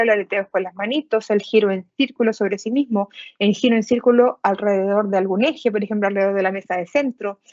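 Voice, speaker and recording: A woman's voice: on the high side, a little mellow, no echo. Woman lecturer, explains patiently with examples and little acted quotes; dry, somewhat muffled sound. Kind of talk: explanatory seminar talk.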